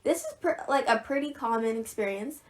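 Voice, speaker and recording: A woman's voice: a little high, expressive, fairly quick. Giggly teen girl co-hosting a chat. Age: teens. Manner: chatty, laughs often, many fillers. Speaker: podcast co-host. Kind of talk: casual podcast chat.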